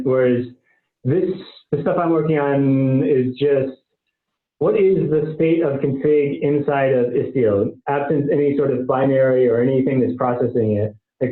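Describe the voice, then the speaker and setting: A man explains an engineering idea on a technical meeting call, stopping on fillers and starting sentences over. The sound is thin and phone-like, and it carries the echo of a bare room. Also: mid-range voice. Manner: thinks aloud, many um fillers and restarts. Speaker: software engineer presenting work. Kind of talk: technical working-group call. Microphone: online meeting call. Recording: tinny phone-like call audio, roomy echo.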